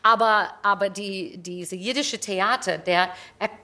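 A woman's voice: medium pitch, a little slow, pushed and bright. An older woman with an American accent, telling anecdotes in casual, humorous interview talk. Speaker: stage performer interviewed about a production.

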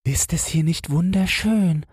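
A man's voice: a little high, measured pace, darkish tone, breathy edge, no echo, studio quality, voice pushed up. A man voicing a delighted little ladybird in a storybook reading.

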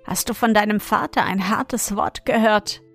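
A woman voicing a calm, soothing frog bride who croaks low before she speaks, in a slowly read storybook. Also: faint music behind, lightly acted.

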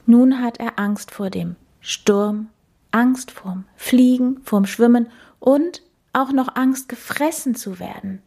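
A woman narrating a children's story in a soft, soothing, half-whispered voice. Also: fairly high pitch, takes it slowly, vocal fry.

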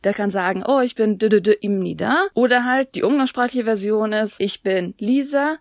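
A woman teaching beginner Korean in a relaxed podcast lesson, pausing to model phrases slowly and clearly. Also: medium pitch, no echo, studio quality. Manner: explains patiently, slows down to model Korean phrases.

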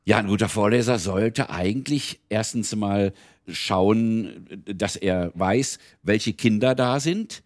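A man's voice: on the low side, slow. An older man, a retired volunteer reader for children, talking casually in an interview and slipping into character voices as he tells stories. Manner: animated storyteller, slips into character voices.

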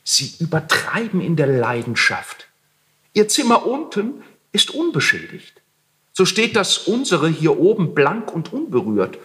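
A sly young tenant who meets his angry landlord with overdone politeness and ironic evasions, as a man reads him aloud in a literary reading. The voice sits raised above the reader's own and swings lively through each sentence. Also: on the high side, a little slow, pitched above the performer's own voice, heavily acted. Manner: exaggeratedly courteous, ironic.

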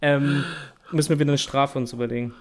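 A man's voice: medium pitch, fairly even intonation. A young man co-hosting a podcast, reading lines aloud and teasing his friend in casual game banter. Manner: playful, teasing, quick talker. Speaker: podcast co-host.

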